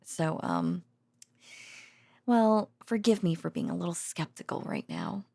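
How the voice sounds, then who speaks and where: A voice actress plays an affectionate, excitable researcher girlfriend who rambles as she soothes her boyfriend to sleep in an intimate ASMR-style bedtime monologue. Her soft, breathy voice sits on the low side and often drops close to a whisper near the mic, moving at a measured pace with hesitant, chatty phrasing, sighs and giggles. The heavily acted delivery comes across teasing and skeptical, with no room sound.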